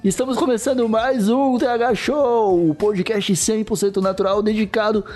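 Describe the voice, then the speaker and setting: A Brazilian man with a raspy smoker's voice, hosting a casual podcast with playful, irreverent, slangy banter. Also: high-pitched, fairly even intonation, moderate pace, darkish tone. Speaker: podcast host.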